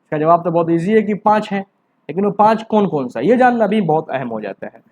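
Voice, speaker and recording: High-voiced lively grammar teacher. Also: male voice, muffled recording. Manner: explains with rhetorical questions and answers them himself; lively, rises to emphatic questions then drops low. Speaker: Urdu teacher. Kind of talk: exam-prep grammar lesson.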